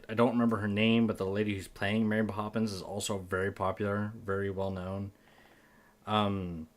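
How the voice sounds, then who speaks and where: A man co-hosting a podcast, talking in a laid-back, chatty way with frequent fillers. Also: lowish voice. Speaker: podcast co-host. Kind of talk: casual chat.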